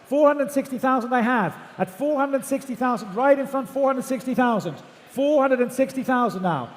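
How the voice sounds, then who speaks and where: A man's voice: extremely high pitch, lively intonation, normal speed. A man working as an auctioneer, calling bids in a repetitive, projected chant of numbers at a live auction. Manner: repetitive chanting of figures, often loud and projected. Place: large auction hall. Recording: echoey hall PA with background noise.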